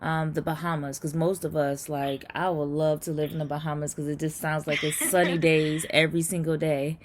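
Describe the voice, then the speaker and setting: Low-voiced chatty woman host. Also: fairly quick, slight background noise. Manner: friendly, relaxed, chatty with fillers. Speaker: interview host. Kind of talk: casual remote interview.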